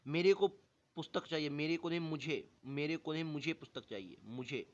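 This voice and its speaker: A man's voice: fairly high pitch, a little fast. Man teaching grammar answers on dull audio. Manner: reads each option aloud, then corrects it with repeated checks. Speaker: exam coaching teacher. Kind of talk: explaining Hindi grammar questions.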